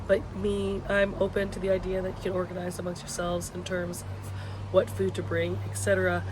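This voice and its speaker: A sick woman with a lowish, hoarse voice gives her students course updates in a casual video blog, where she serves as a university education instructor. She hesitates and pauses often. Recorded outdoors on a patio, the clip carries loud ambient traffic noise.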